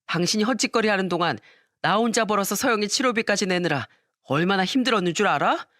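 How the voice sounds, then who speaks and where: A woman's voice: mid-range voice, lively intonation, fast talker, fairly bright tone, no room sound, studio quality, close to an everyday voice. Woman doing an exasperated grown son. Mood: angry. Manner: raised, exasperated. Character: indignant adult son, a husband.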